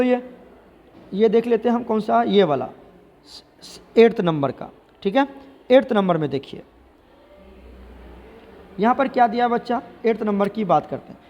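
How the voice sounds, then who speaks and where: A man's voice: sits high, darkish tone. A man teaching chemistry who asks his students questions, answers them himself and repeats the key terms. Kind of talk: explanatory lesson. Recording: dull audio with long hall reverb.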